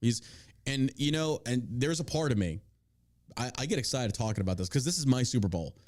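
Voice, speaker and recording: A man's voice: mid-range voice, lively intonation, brisk, a little mellow. An American man hosting casual political commentary, opinionated and emphatic, swearing freely as he reads out and reacts to news. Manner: opinionated, emphatic, heavily profane.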